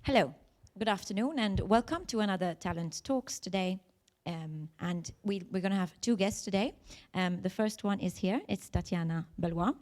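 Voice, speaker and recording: Woman, festival talk host, mid pitch, relaxed, chatty, live-streamed interview. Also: moderate pace, few pauses. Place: cinema bar.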